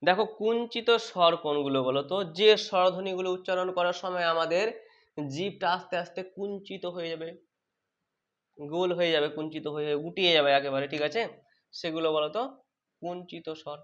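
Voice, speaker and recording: A man teaching a lesson, who asks questions and then answers them himself, repeats terms slowly and corrects his own slips aloud. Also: high-pitched, a bit bright. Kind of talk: exam-prep lesson on vowel sounds. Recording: dull lo-fi sound.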